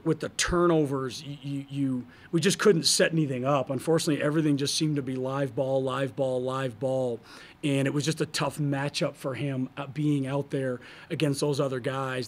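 A man in his thirties, a basketball head coach answering reporters candidly at a post-game press conference, speaking into a table microphone with many fillers and restarts. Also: mid-range voice. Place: press conference room, in front of a sponsor backdrop.

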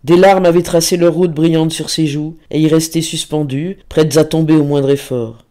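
A man reading a classic novel aloud as an audiobook narrator, measured and expressive. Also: a little high.

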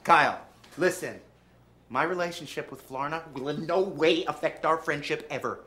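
An actor playing an earnest, lovesick rock singer who talks theatrically and bursts into song. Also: male voice, fairly high pitch, normal speed, pushed and bright. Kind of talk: comedic film acting with rock singing.

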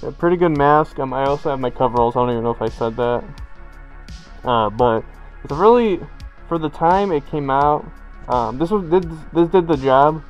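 A man's voice: mid-range voice, lively intonation, normal speed, lo-fi sound, soft background music. A young man rambling through a face mask, with lots of fillers, as he reviews a mask at home.

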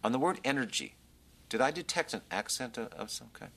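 Fast-talking vain male TV producer, bright and fussy. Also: medium pitch, very animated, gravelly, full character voice. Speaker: TV news producer. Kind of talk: scripted comedy series acting.

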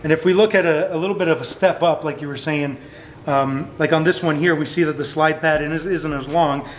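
A man's voice: on the high side, steady tone, a little fast, slight background noise, rough recording. Young man hosting a shoe review. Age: young adult. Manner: guiding, recapping, casual with fillers. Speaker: host. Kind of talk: product interview. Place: bowling shoe store, indoors.

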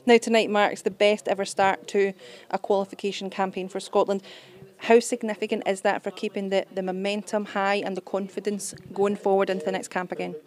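Woman sports interviewer, post-match; fast, brisk, friendly questions. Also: medium pitch, little pitch movement, a little mellow.

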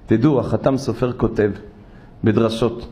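A man, a rabbi, giving a sermon in a synagogue, telling stories and voicing the people in them. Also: medium pitch. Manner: animated storytelling, acting out voices; rises to loud exhortation.

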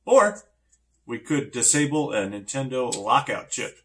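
A man's voice: medium pitch, very animated, unhurried. A man in his forties co-hosting a casual show, playful and joking from a game room. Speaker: co-host. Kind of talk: casual banter and explainer narration.

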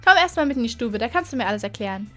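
A woman's voice: on the high side, lively intonation, rapid-fire, soft background music, close to an everyday voice. A woman voicing a caring, worried mother of a schoolgirl, read aloud from a story.

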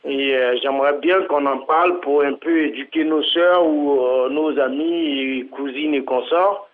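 A man's voice: fairly high pitch, measured pace. A man from Côte d'Ivoire calling into a live TV talk show, hesitant and full of fillers. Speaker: caller. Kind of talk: phone call to a live TV show. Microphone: telephone. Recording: tinny phone line.

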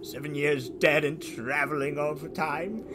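An actor playing a nervous, skeptical old miser in a radio drama, wary and querulous. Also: male voice, on the high side, fairly even intonation, unhurried, background noise, lightly acted. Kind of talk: theatrical radio drama acting. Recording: music behind the dialogue.

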